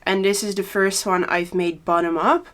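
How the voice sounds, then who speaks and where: A young woman hosting a knitting podcast, chatting casually and thoughtfully with frequent pauses and a touch of nerves. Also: mid-range voice, fairly even intonation, fairly bright tone. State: a little nervous. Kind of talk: casual chat.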